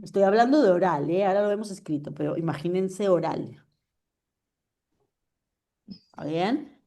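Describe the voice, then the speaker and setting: Patient woman teaching French, mellow voice. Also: lowish voice, moderate pace. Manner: patient, checks understanding often. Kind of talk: online class explanation. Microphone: video call.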